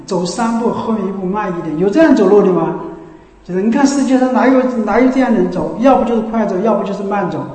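A man giving a colloquial Buddhist talk, teaching how to chant and sometimes chanting phrases to show it. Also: high-pitched. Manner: lively, demonstrates by chanting phrases. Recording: echoey hall reverb.

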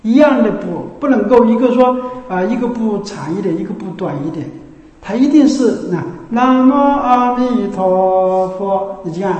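High-voiced man teaching in an echoing hall. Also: fairly quick, dull audio. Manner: lively, demonstrates by chanting phrases. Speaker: Buddhist teacher. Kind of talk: colloquial dharma talk on chanting. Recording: echoey hall reverb.

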